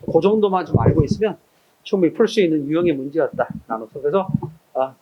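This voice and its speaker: A man with a high voice teaches a live classroom lesson. He fires short questions at his students and clears an irritated throat now and then. His delivery is casual and direct. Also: lively intonation, fast talker, muffled recording. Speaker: exam prep teacher. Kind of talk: classroom lecture.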